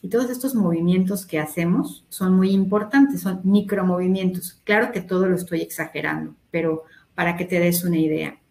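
A woman's voice: fairly low pitch, moderate pace, vocal fry, few pauses, darkish tone. Woman coaching voice, echoey room. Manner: instructive, counting breaths aloud. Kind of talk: guided voice workshop.

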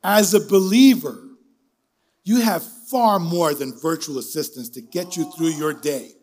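An older man preaching a sermon in an emphatic, animated manner, leading the listeners in call-and-response. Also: a little high, measured pace.

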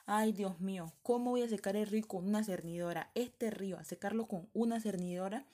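A frightened young girl pleads through her tears, her voice lifted higher, as a woman storyteller puts her on. It comes across as a spoken storybook tale. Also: brisk, warm tone, lightly acted. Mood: tearful. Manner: pleading, tearful.

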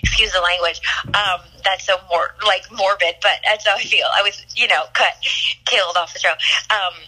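A young woman being interviewed about her time as a singing contestant, telling the story in an animated, chatty way with lots of fillers. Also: medium pitch, moderate pace, poor audio. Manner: animated, chatty, laughs often, many fillers.

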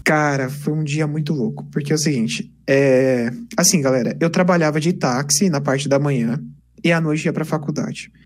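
A young man, casually telling lively stories on a podcast. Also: a little high, moderate pace. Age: 20s. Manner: animated, chatty, peppers speech with "cara". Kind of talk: casual storytelling chat.

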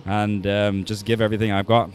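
A man's voice: lowish voice, flat delivery, brisk, clear, resonant tone. Eager, motivational young-sounding man. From Dubai. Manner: eager and motivational, many "yeah"s. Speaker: fitness coach, podcast guest. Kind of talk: casual interview chat.

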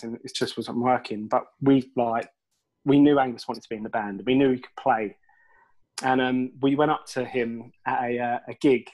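A man's voice: mid-range voice, a little mellow, poor audio. A man, a musician guest telling rambling, laugh-filled stories and swearing freely. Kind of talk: casual storytelling interview.

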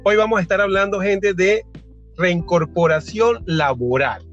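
Male podcast host, fairly high voice, friendly chat, dull lo-fi recording. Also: measured pace, fairly bright tone, soft background music. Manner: friendly, with frequent fillers and restarts.

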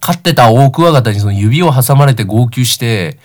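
Young man rambling, lively pitch. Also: a little fast. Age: young adult, about 19. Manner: rambling, self-deprecating comic storytelling. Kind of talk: solo comedic talk show monologue.

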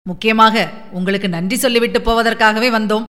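A woman voicing a smooth-talking male film promoter who speaks persuasively and glibly, in a storybook reading with a long reverb. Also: a little high, steady tone, fairly bright tone, natural voice. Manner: persuasive, glib and quick.

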